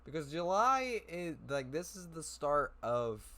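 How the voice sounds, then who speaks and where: A man's voice: fairly high pitch, big pitch swings, a little slow, bright, forceful tone. Rambling young guy telling a story. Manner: rambling, laughs often, many fillers and restarts. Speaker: YouTuber. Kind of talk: casual storytelling vlog. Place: his own room indoors.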